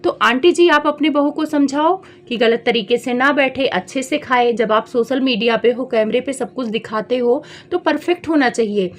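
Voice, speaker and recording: A woman's voice: high-pitched, normal speed, hardly any pauses. A woman vlogger talking straight to her viewers and scolding the people she reacts to in a chatty, pointed way. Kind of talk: reaction commentary vlog.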